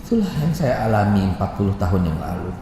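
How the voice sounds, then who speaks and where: A middle-aged man with a Jakarta accent preaching a sermon as a lively storyteller who acts out voices and swings from loud to hushed. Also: on the low side, fast, background noise. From Indonesia. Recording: echoey hall with long reverb.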